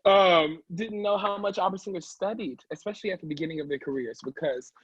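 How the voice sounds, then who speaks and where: An opera singer appears as an interview guest, talking casually, emphatically and chattily, often checking in with the listener. He is a native English speaker with a high, husky voice and a quick pace. The recording is muffled, with no room sound.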